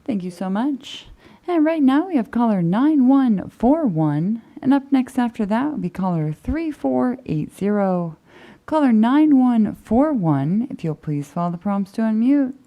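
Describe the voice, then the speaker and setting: A woman moderator calling the next callers in a brisk, routine way. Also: fairly high pitch, big pitch swings, phone-quality sound. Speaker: meeting moderator. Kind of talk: reading call-in queue.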